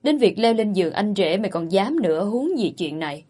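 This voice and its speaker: A woman's voice: mid-range voice, big pitch swings, a little fast, mellow. A woman doing a scornful older rich matriarch. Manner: contemptuous, cutting.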